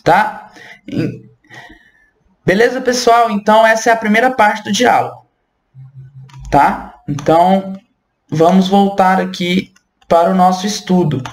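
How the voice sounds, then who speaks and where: A woman teaches French in an unhurried, patient way, saying each word again and again so it can be copied. Her delivery is slow and easygoing. The room around her voice is echoey. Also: mid-range voice. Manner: patient, repeats words slowly to model pronunciation. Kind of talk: online language lesson.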